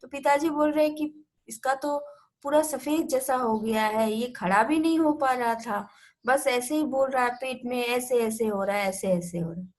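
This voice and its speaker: A woman's voice: sits high, normal speed. A woman teacher who reads a passage from a textbook story aloud, then retells it in simpler words, putting on small voices for the family. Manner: acts out the family's lines in slightly changed voices. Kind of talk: reading and explaining a textbook lesson.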